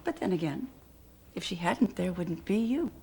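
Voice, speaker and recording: A sharp-tongued middle-aged wife in a daytime soap, dry and sarcastic. Her breathy voice sits low and moves widely in pitch. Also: animated, moderate pace, exaggerated voice. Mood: wry.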